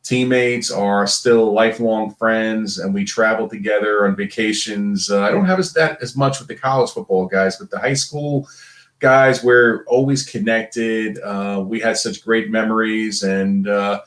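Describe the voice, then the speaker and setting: A man's voice: on the low side, measured pace, fairly bright tone. A man in his fifties with a Brooklyn accent, chatting casually in a rambling, familiar way as an interview guest. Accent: Brooklyn New York. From Brooklyn, New York. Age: 50s. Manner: rambling, familiar, joking asides. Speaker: interview guest, sports figure. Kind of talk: casual interview chat, reminiscing. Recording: roomy, echoing sound.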